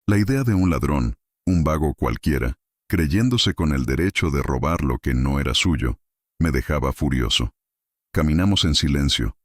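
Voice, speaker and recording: Man, horror story narration, dramatic and measured, very deep voice, dry close recording. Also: husky, no room sound.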